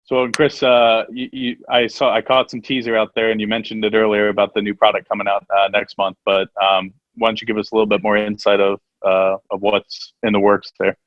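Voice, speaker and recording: A man from Texas moderating a video call, halting and full of fillers and restarts. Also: fairly low pitch, flat delivery, dry recording, lo-fi sound. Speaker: event host, moderator.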